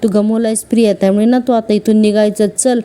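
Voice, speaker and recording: A woman reading out the threats of a furious young woman avenging her family, in a menacing, deliberate way. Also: medium pitch, level tone, warm tone, lightly acted. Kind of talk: quoted lines in a serial recap.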